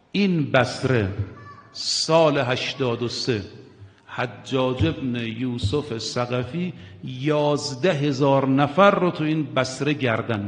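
A man preaching an impassioned sermon, swinging between hushed and loud and questioning his listeners directly. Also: mid-range voice. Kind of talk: religious sermon. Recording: long hall reverb.

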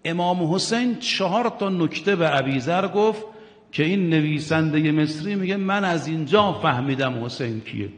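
A man preaching an impassioned sermon, swinging between hushed and loud and questioning his listeners directly. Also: on the high side, lively intonation. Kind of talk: religious sermon. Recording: long hall reverb.

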